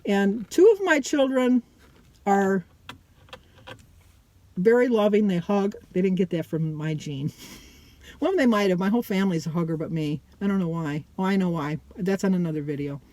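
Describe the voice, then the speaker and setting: A woman's voice: mid-range voice, lively intonation, normal speed, a little mellow. A middle-aged or older woman vlogger chatting casually to her viewers, rambling and often breaking off mid-sentence.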